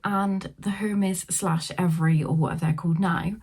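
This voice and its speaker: A middle-aged woman chatting through a casual yarn haul, filmed on her phone at home and sometimes talking softly so a sleeping baby stays asleep. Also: on the low side, fairly even intonation, normal speed, breathy edge. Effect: filmed on a phone camera. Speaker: craft vlogger.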